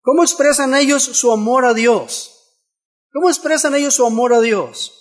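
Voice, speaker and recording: A man delivers a church sermon in a remarkably high voice. He drives each point through repeated phrases and rhetorical questions, reading scripture aloud along the way. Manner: emphatic repetition and rhetorical questions. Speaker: preacher.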